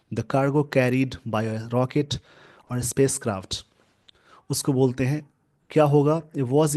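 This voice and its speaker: A man teaching English grammar from a newspaper, explaining slowly and repeating key words. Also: medium pitch, warm tone. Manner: slow, repetitive explaining, mixing English terms into Hindi.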